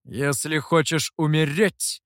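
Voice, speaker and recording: A man voicing a stern, menacing dark master who speaks in a threatening way in an audiobook. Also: on the high side, animated, moderate pace, dry recording, studio quality.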